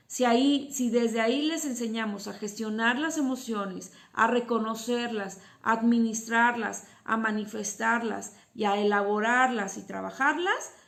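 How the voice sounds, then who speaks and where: A woman gives an informal lesson to parents about children's emotions. Her voice sits a little high and carries a gravelly edge. She explains step by step and keeps asking rhetorical questions before she answers them. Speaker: psychotherapist and teacher. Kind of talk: informal educational talk to parents.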